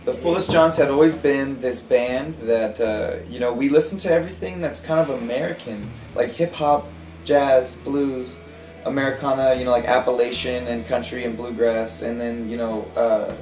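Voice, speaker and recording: A man's voice: medium pitch, steady tone, normal speed, darkish tone. A man in a band telling his story in a loose, rambling way, full of fillers. He sounds like he is in an echoey room, with faint music in the background. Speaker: band member. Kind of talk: casual interview chat.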